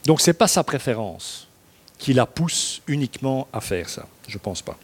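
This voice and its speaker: A man's voice: mid-range voice, very animated, unhurried, husky. A man reading a Bible passage aloud and breaking off for chatty, wry, informal commentary full of little tag words.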